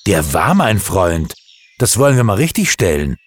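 A man voicing a jealous young boy who snaps and shouts spitefully at his friend in a storybook reading. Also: low voice, sing-song, normal speed, a little hiss or hum. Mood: scornful.

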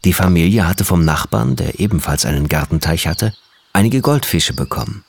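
Low-voiced man reading a children's story. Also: moderate pace, slight background noise. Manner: gentle, lively storytelling with many voices.

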